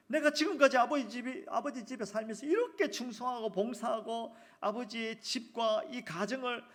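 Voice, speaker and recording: A man voicing a resentful grown elder son, loudly complaining in protest. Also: very high voice, pitched above the performer's own voice.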